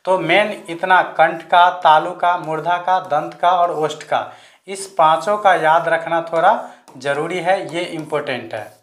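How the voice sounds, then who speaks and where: A man teaching an online grammar lesson, slowly repeating lists of letters and asking students to say them aloud. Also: on the high side, fairly bright tone, roomy sound.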